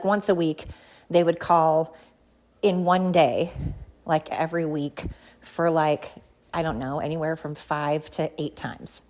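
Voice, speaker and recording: Pacing as she speaks into her phone, a solo podcast host rambles along in a chatty, slangy, self-deprecating style. She has a fairly low, slightly mellow voice.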